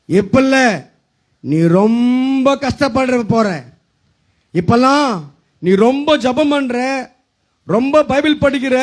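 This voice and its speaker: A gloating evil spirit, played by a man in a church stage skit. The voice sits very high and crawls along in slow, menacing boasts. Laughter breaks in now and then. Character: gloating evil spirit tempting a young believer.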